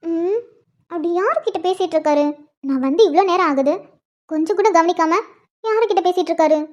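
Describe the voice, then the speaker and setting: A woman's voice: extremely high pitch, fairly quick, darkish tone. A woman voicing a chatty, teasing young woman in a cartoon. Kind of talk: cartoon voice acting. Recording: dull lo-fi sound.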